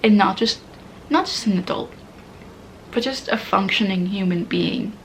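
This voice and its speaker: A woman's voice: mid-range voice, a little slow, a little hiss or hum, low-quality recording. A woman in her twenties candidly venting, rambling and swearing casually, often dropping into half-whispers. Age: 20s. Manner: swears casually, laughs at herself. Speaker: vlogger. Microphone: poor-quality mic.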